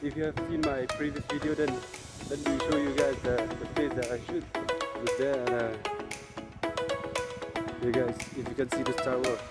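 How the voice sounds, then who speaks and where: Loud music plays under a man's mid-range voice, level in tone and moderately paced. He has a Northeast Indian accent and is recording a running vlog on an open grass field, speaking hesitantly and repeating his phrases often.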